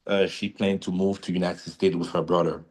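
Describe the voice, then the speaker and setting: A man's voice: sits low, level tone, normal speed, darkish tone. A man from Cameroon telling his story as a guest in an interview over a video call, hesitant and plain-spoken. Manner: hesitant, simple phrasing with fillers.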